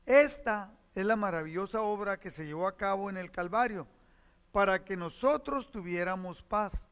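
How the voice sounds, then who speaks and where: Male pastor, high voice, teaching sermon with repeated phrases, long hall reverb. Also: normal speed, a bit bright, clean tone. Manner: teaching, explains verses and repeats key phrases.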